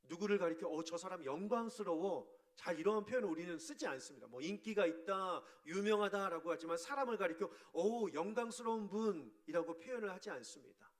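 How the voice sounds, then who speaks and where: A man preaching as a pastor, asking his congregation questions, sometimes shouting out quoted voices and sometimes dropping to a soft murmur. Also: sits high, a little fast, hardly any pauses. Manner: animated, acts out quoted voices with sudden shouts; drops to a soft near-murmur on key words. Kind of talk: sermon.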